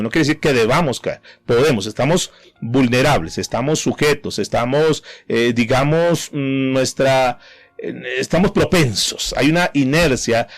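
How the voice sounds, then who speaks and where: A male pastor delivering a sermon to a congregation in a church hall. He questions the listener directly and often repeats words as he gathers his thoughts. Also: mid-range voice. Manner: preaches with rhetorical questions to the listener.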